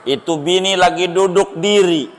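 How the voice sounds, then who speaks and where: A man's voice: high-pitched, moderate pace, big-room sound, slight background noise, pitched above the performer's own voice, natural voice. A man voicing an indignant wife who scolds her husband. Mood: scolding. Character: nagging middle-aged wife scolding husband.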